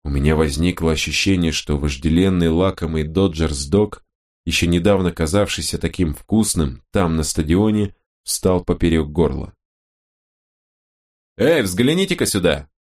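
A man reading a novel aloud in the first person, in a very low, deep register. His delivery is measured and even. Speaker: audiobook narrator. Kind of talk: first-person scripted narration.

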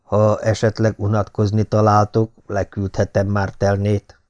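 A man's voice: fairly low pitch, completely flat delivery, darkish tone, natural voice. A man voicing a genial lord who jokes easily in an audiobook. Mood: kindly. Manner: easygoing, teasing. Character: genial, joking older male lord. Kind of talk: audiobook character reading.

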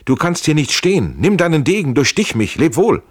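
A man's voice: on the high side, very animated, fairly quick, slightly rough, voice pushed up. A man voicing a desperate, injured young officer who pleads in a strained, urgent way. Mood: pleading.

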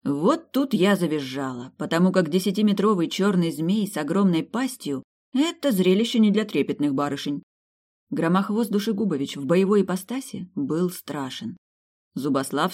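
A woman reading a humorous fantasy audiobook in first person, lively and ironic. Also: fairly low pitch. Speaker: audiobook narrator.

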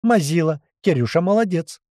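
A man voicing a cheeky male talking parrot with a croaky, squeaky voice that keeps taunting. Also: lively intonation, moderate pace, warm tone, no echo, studio quality, natural voice. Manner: taunting, gloating.

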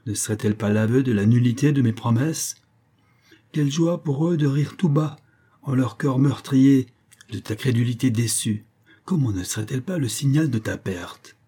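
A man's voice: mid-range voice, normal speed, warm tone, breathy edge, close to an everyday voice. A man reading the part of a proud, cunning young poet who pleads and defies with passion. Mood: defiant. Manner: impassioned and defiant pleading. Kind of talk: audiobook reading.

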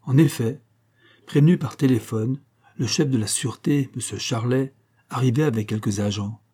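Brief: male audiobook narrator, husky and dark-toned, deliberate literary reading. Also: mid-range voice.

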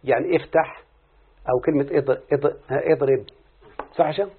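A fairly high-pitched man with an Egyptian accent talks at normal speed, with slight background noise on a tinny, phone-like recording. As a student reciting a grammar lesson, he steps through Arabic morphology in question-and-answer form and keeps checking with his teacher.

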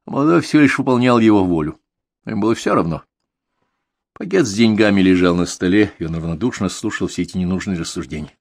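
A man narrating an audiobook in an even, measured reading. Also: on the low side, dry recording, clean studio sound. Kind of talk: scripted narration.

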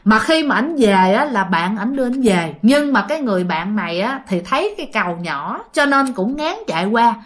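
A woman's voice: on the high side, lively intonation, normal speed, hardly any pauses. Chatty Southern Vietnamese woman telling ghost stories. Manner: chatty, with fillers, addressing listeners. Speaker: storyteller. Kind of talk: casual ghost story narration.

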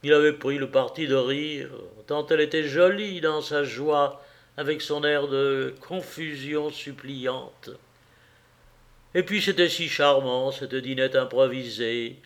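A man narrating a classic novel as an audiobook, with a measured, expressive delivery. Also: mid-range voice. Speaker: audiobook reader.

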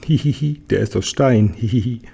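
A man's voice: mid-range voice, expressive, moderate pace, dark tone, close to an everyday voice. A man voicing an ancient little male mountain dwarf who giggles, grumbles and boasts, in a read-aloud storybook. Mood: giggling.

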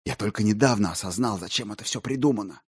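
A man reading a story voices a wild-eyed, rambling collector who whispers feverishly, then pleads as his husky voice climbs high and grows loud, nearly shouting. The pace is quick, and the sound is dry and close with no room sound.

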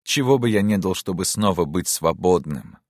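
A man's voice: sits low, expressive, normal speed, darkish tone, dry recording, studio quality. A man reading an audiobook, voicing a lovesick young prince who pleads with emotion. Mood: pleading.

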